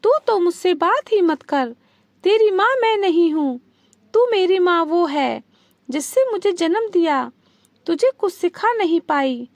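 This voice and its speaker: A woman's voice: very high-pitched, lively intonation, unhurried, no echo, exaggerated voice. A woman voicing an angry, stubborn elderly mother-in-law in a read-aloud story, scolding in a plain reading voice.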